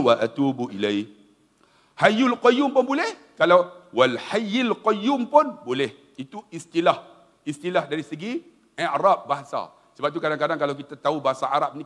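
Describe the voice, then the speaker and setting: Animated Malaysian preacher in a reverberant hall. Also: male voice, high voice. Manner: animated, humorous, often addresses the audience directly. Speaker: religious lecturer. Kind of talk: lively religious talk to an audience.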